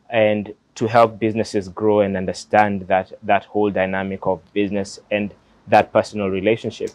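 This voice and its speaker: A young lawyer with a Kenyan accent, in his late twenties, earnestly reflects on his personal story for an interviewer in a relaxed manner. His voice is lowish. The dry audio comes from a lapel mic outdoors alongside a glass building.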